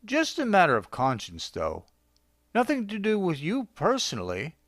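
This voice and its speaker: A man's voice: high voice, wildly swooping pitch, normal speed, fairly bright tone, no echo, studio quality, voice pushed up, exaggerated voice. A man voicing a cool, cutting wife speaking over the phone.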